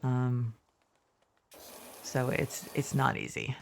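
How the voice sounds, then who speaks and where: A woman's voice: extremely low pitch, level tone, extremely slow, gravelly, a little hiss or hum. A middle-aged woman streaming a game, telling a meandering, self-correcting story with asides about what she is playing. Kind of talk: casual storytelling while gaming.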